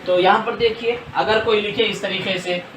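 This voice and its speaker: A man teaching an Urdu writing lesson, who explains slowly and spells words out letter by letter. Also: high-pitched, steady tone, a bit bright, distant mic, slight background noise. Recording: roomy echo, off-mic.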